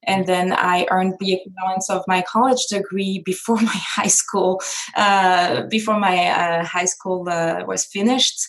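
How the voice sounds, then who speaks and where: A woman's voice: on the low side, steady tone, unhurried, low-quality recording. A woman from France, telling her story as an interview guest in a conversational way. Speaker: guest, former dancer and casting director. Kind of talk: casual interview chat.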